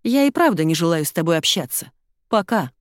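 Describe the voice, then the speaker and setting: A woman reading an audiobook voices a sharp-tongued young nurse who speaks curtly and mockingly. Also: fairly low pitch, big pitch swings, fairly quick, no echo. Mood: cold. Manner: curt, mocking.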